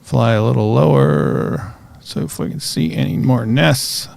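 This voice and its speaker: A man giving relaxed, chatty commentary while he plays a survival game, talking to himself as he goes. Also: medium pitch, unhurried, gravelly, no echo. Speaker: gaming streamer. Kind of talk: casual gameplay commentary.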